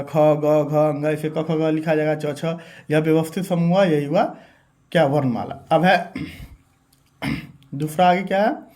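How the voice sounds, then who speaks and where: A man's voice: sits high, a little mellow. A man teaching Hindi grammar step by step, asking the class questions and answering them himself. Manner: repetitive, step-by-step explaining. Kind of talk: classroom lesson.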